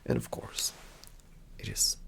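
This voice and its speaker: Playing a calm and attentive spy agent who briefs his partner, a man performs a whispered ASMR roleplay. He speaks in a soft, breathy voice with slight creak, giving deliberate instructions in a hush.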